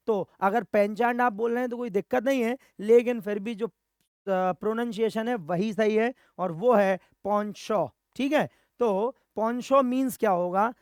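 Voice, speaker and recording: A man's voice: sits high, darkish tone, no room sound, studio quality. A man with an Indian accent teaching exam vocabulary, drilling words by repeating them and answering his own questions. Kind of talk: Hindi-English vocabulary lesson.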